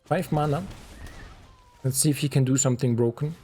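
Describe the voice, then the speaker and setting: A man's voice: medium pitch, fairly quick, dark tone, husky, soft background music. A man giving casual commentary while he plays a card game, chatting to his opponent and to the game itself. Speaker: streamer playing a card game.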